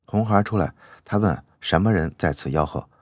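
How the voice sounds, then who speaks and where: A man's voice: low-pitched, a little fast, slightly rough, dry recording, studio quality. A man giving chatty commentary as he reads out a classic novel, drawing out his sentence-final particles. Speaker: channel host.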